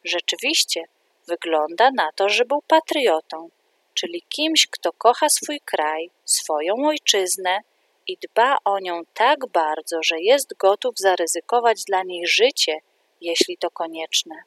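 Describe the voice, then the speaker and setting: Gentle, kindly preschool teacher from a storybook, as a woman reads her. She explains in a soft, patient voice close to the reader's own. The recording is dry and close. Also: lowish voice, animated, slow pace, no echo.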